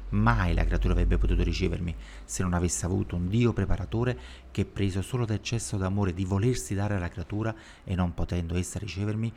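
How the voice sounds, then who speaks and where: A man reading devotional prayers and texts aloud in a slow, measured, reverent way. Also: fairly low pitch, warm tone, a little hiss or hum.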